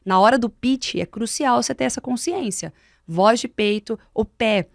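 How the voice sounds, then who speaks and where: A woman with a somewhat high, creaky voice speaks at normal speed in a podcast conversation, recorded in a studio with no echo. She's a Brazilian mentor with a Brazilian Portuguese accent, teaching speaking techniques emphatically and didactically.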